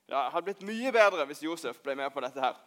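A man's voice: a little high, lively intonation, a bit bright. A man playing an impatient postman in a children's church skit, joking and chatting with the kids. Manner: playful, chatty, addressing children. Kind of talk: children's church role-play.

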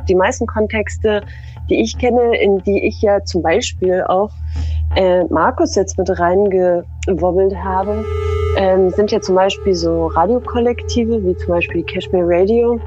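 A woman's voice: mid-range voice, fairly even intonation, a little slow, a little mellow. Field: description. A woman, a sound artist, is interviewed on a call. She is heard over a phone line and speaks thoughtfully, searching for words. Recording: dull lo-fi phone line, faint music.

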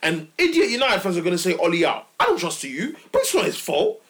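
Animated London roadman, excitable and slangy. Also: high-pitched, fast talker. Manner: excitable, emphatic, repeats himself. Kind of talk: casual football podcast banter.

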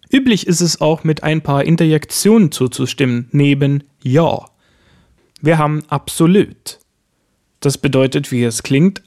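A man presenting a scripted language lesson, his voice sitting a little higher than most men's. He slows down to lay out each example word with care. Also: darkish tone. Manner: slow, careful spelling out of example words. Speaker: language teacher host.

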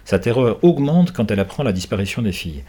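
A man reads a children's adventure novel aloud. His reading is lively, and he shifts his voice to play the different characters. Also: on the low side, fast, breathy edge. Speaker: audiobook reader. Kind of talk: children's book read aloud.

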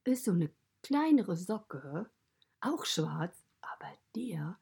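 Woman voicing a whispery, husky stable animal. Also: lowish voice, big pitch swings, slow, warm tone, full character voice. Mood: friendly. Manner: mostly whispered, chatty and confiding. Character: friendly stable animal narrator, fond of children. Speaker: storyteller. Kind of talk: children's podcast storytelling.

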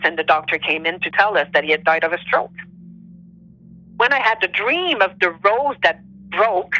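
A woman's voice: lowish voice, bright, forceful tone, low-quality recording. A woman who is not a native English speaker tells personal stories conversationally, searching for English words as if translating in her head. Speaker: interview guest telling personal stories.

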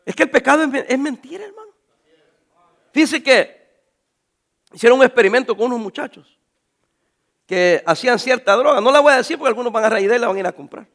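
High-voiced man preaching a sermon. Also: a little fast, pauses often. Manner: animated preaching, addresses listeners as brothers; acts out quoted voices. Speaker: pastor.

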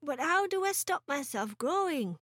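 A woman's voice: high voice, very animated, normal speed, a bit bright, no echo, clean studio sound, pitched above the performer's own voice. A woman voicing an eight-year-old boy who is timid, pleads and stammers. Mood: pleading.

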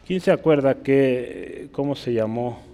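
Male pastor, mid pitch, easygoing sermon delivery with frequent check-ins, echoing hall. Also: measured pace, dark tone. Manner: conversational, often checks with the congregation. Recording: reverberant hall.

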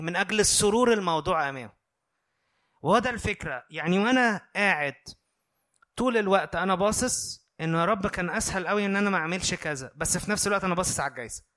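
A man's voice: sits high, sharp tone. A man preaching a sermon in an Egyptian Arabic accent, earnest and conversational, often checking in with his listeners.

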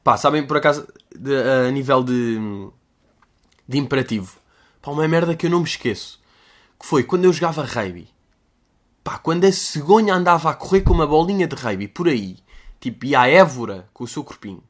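A man in his twenties with a European Portuguese accent, hosting a casual solo podcast in a rambling, slangy, joking way, now and then breaking into loud shouted bits. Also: medium pitch, lively intonation, brisk. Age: 20s. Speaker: podcast host.

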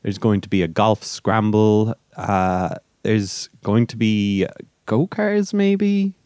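An Irish man with a fairly low voice, recorded close and dry. He hosts a podcast informally, in loose, hesitant phrases. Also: level tone, slow pace, a little mellow, no room sound. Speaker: podcast host. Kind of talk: casual podcast introduction and interview.

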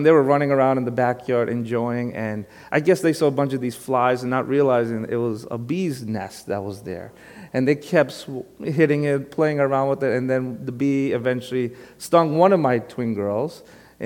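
Preaching as a guest, this Brooklyn-born man in his thirties keeps his sermon loose and conversational, leaning on fillers and poking fun at himself. His voice is right in the mid-range for a man. The space echoes with the long reverb of a church sanctuary.

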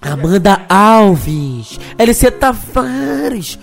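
A man from Brazil, a DJ, rattling off crude, rowdy shout-outs over a mix, yelling names and laughing. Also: sits high, very animated, drawn-out words, gravelly. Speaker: DJ giving shout-outs on his podcast mix. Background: funk music beat.

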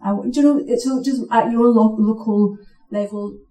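A woman's voice: on the high side, steady tone, normal speed, mellow. A woman on a panel speaking earnestly, building to rallying calls. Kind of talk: panel talk. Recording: distant voice in an echoey hall.

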